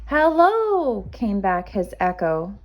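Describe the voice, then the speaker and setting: A kindergarten teacher reads a children's storybook aloud in a medium-pitched voice, keeping her delivery expressive and measured for young listeners.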